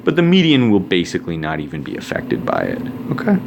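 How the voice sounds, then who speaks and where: A male math teacher walks through a recorded lesson in a low voice that swings up and down as he talks. He keeps it casual, dropping joking asides while he writes. A faint hum of room ambience sits behind him. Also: huge pitch swings, quick pace, creaky.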